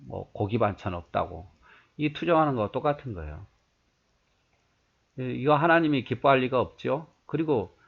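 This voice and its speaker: A man's voice: on the low side, lo-fi sound. A man pastor preaching a conversational sermon, reading scripture and asking his listeners rhetorical questions.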